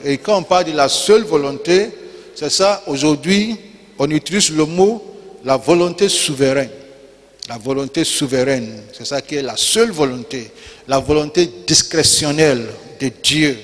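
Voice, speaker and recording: A male pastor with a voice on the high side preaches a sermon in French, not his first language, using call-and-response lines, repeated key words and rising shouts. He's in a church, and the recording carries the long reverb of a church hall.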